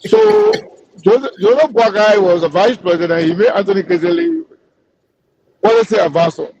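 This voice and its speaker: A man's voice: high-pitched, very animated, moderate pace, gravelly, darkish tone, dull audio, slight background noise. A man on a conference call line that breaks up, talking insistently and repeating himself as a panelist in a casual call-in chat. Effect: heard over a conference call line that breaks up. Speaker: panelist on a call-in talk show.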